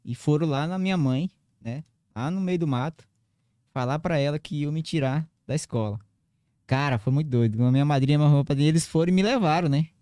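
Fast-talking man. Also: a little high, no echo. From Acre, Brazil. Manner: animated, frequent fillers like "cara" and "né". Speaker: podcast guest. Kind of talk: casual storytelling.

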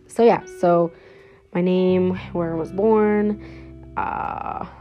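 Speaking slowly and steadily in a lowish voice, this twenty-something woman kicks off her solo podcast in a relaxed, cheerful way, rambling and using plenty of fillers. The sound is slightly dull and lo-fi, and faint guitar plays underneath.

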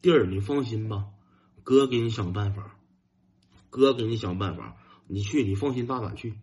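A man acting out his stern, protective older brother in a low, grave, commanding tone. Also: moderate pace, darkish tone, natural voice. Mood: reassuring.

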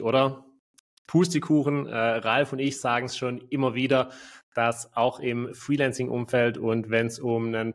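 Male podcast host, mid-range voice, chatty and loose, filler-heavy questions. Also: medium pitch. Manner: rambling questions with many fillers. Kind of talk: interview podcast hosting.

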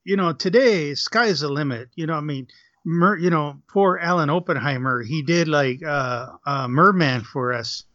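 A man's voice: fairly high pitch, normal speed, fairly bright tone, no room sound. Chatty man on a dull lo-fi line. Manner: chatty, laughs often, full of fillers. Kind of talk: casual podcast chat. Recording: dull lo-fi dry sound.

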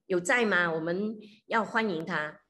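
A woman's voice: fairly low pitch, unhurried, a bit bright, a little hiss or hum. A woman pastor preaching and telling a story in a conversational way, with many fillers and some English phrases mixed in. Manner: frequent hesitation fillers. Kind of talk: sermon with storytelling.

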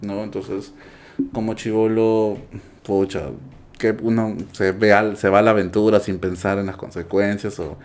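A man's voice: lowish voice, a little slow. A man telling a story in casual chat, laughing and acting out the dialogue. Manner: animated, laughing, acts out dialogue.

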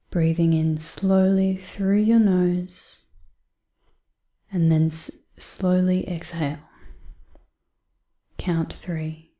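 A woman reading a guided breathing exercise in a soft, calm voice that often drops to a half-whisper. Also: fairly low pitch, reverberant. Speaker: meditation guide.

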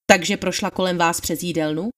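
A woman's voice: on the low side, steady tone, voice pushed down, lightly acted. A woman reading the part of a methodical male attorney questioning a witness, in a formal, probing manner. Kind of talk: dramatized trial testimony reading.

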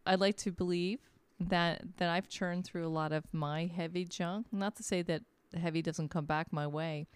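A middle-aged woman in casual podcast chat, encouraging and quick to laugh. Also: fairly low pitch, fairly even intonation, smooth, dry recording.

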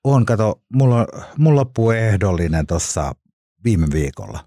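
A man's voice: fairly low pitch, very animated, mellow, no echo, studio quality. A middle-aged man, a former criminal, telling his stories as an interview guest in blunt, colloquial speech with free swearing. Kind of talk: casual interview storytelling.

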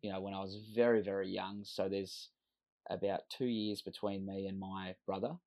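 Speaking at a moderate pace, this man has a darkish voice that sits low and barely moves in pitch. He's an Australian-accented podcast guest in his thirties from Western Sydney, candidly and reflectively telling his life story in earnest.

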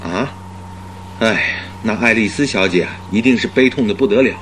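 An actor playing Dr Watson as an eager, genial and inquisitive companion to a detective in a radio drama. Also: male voice, fairly low pitch, moderate pace, fairly bright tone, slight background noise, close to an everyday voice, low-quality recording. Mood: concerned. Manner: inquisitive, chuckling, exclamatory. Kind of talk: Mandarin radio drama acting.

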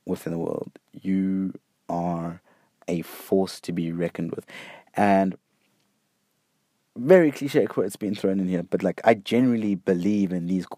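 A young man hosts his own reflective solo podcast in a low, warm voice with no echo. He speaks earnestly but hesitantly, tripping over repeated words and fillers.

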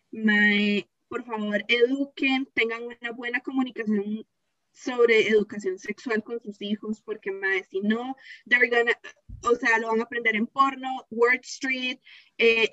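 A woman's voice: a little high, a bit bright, no room sound. Costa Rican woman talking Spanglish, slightly muffled. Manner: Spanglish, dropping English phrases into Spanish. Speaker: podcast co-host. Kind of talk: casual chat.

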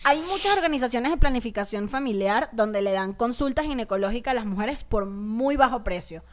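A woman co-hosting a casual chat, telling candid stories in an animated way. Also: fairly high pitch, fairly quick. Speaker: podcast co-host.

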